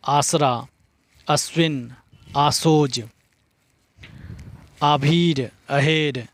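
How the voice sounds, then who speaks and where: Male tutor, voice-over for an exam-prep lesson; measured, unhurried drill through word lists. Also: fairly high pitch. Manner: lists word pairs in a steady drilling rhythm. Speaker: teacher.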